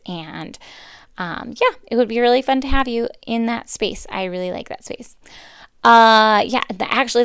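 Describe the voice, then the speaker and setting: A woman's voice: medium pitch, vocal fry, clean tone, dry recording. A woman in her thirties hosting a solo podcast, talking in a rambling, chatty way and often correcting herself. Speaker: podcast host. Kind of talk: casual solo podcast talk.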